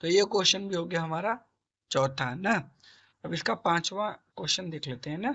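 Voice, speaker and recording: A math tutor works through problems step by step in a classroom-style lesson, his high-sitting voice brisk, bright and forceful but hoarse and sore, and he clears his throat. Coaxingly, he keeps asking the class questions and answering them himself. The recording is dull and lo-fi.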